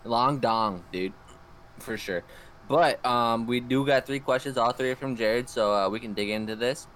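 A man's voice: medium pitch, normal speed, fairly bright tone, slight background noise. A young man with the hiccups co-hosting a podcast, moving the casual chat on to listener questions. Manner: steers the show along. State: has the hiccups. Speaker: podcast co-host.

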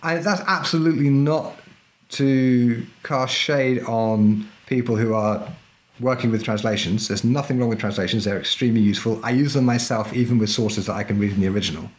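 A historical fencing instructor in middle age speaks a little fast at medium pitch while chatting as a guest on a podcast. The casual interview shows his chatty, emphatic manner and habit of checking in with "right?"

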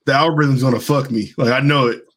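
A man co-hosting a casual chat, animated and joking, swearing freely. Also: mid-range voice, fast talker.

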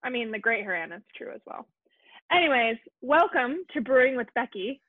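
A woman's voice: on the high side, lively intonation, no room sound. Chatty young woman host, tinny line. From Colorado, USA. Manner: chatty, quick, self-deprecating. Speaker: podcast host. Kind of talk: casual chat. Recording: tinny phone-like call audio.

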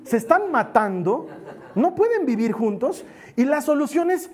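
A male pastor preaching a sermon in an animated, emphatic way, turning playful at times and dropping to a soft plea at key points. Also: very high-pitched, a little slow. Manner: animated, emphatic, often playful with acted asides.

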